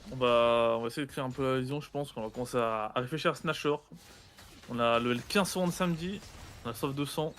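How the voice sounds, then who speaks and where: A young man doing live esports commentary as a co-caster, chatty, with excited bursts. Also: mid-range voice, fast, slight background noise.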